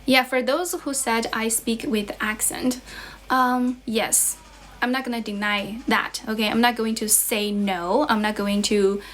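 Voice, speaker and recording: Her voice sits on the high side, fairly bright and steady, and she talks a little slowly. She is a young woman from China teaching English on a livestream from a relative's home, speaking with a Chinese accent tinged with American. Casual and encouraging toward viewers, she frequently repeats phrases.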